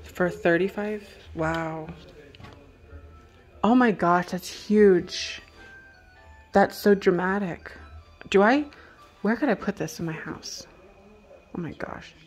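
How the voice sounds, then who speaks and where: A woman's voice: on the low side, takes it slowly, long pauses, soft background music. A woman walking through an estate sale indoors, chatting casually to her handheld phone camera, exclaiming and thinking aloud about prices. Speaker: vintage reseller vlogger. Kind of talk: casual walk-through narration.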